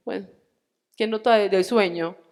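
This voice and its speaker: A woman in her 40s with a Colombian accent tells her faith testimony at a church retreat, bringing it to life by acting out conversations. She has a mid-range voice at normal speed, and the room leaves a long reverb tail.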